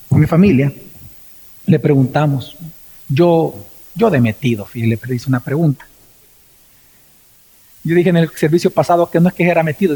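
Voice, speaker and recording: A Salvadoran pastor preaches a sermon in a fairly high, mellow, husky voice. He tells a story with acted quotes, his pitch leaping up and dropping low as he plays its characters, while the church hall's long reverb rings around him.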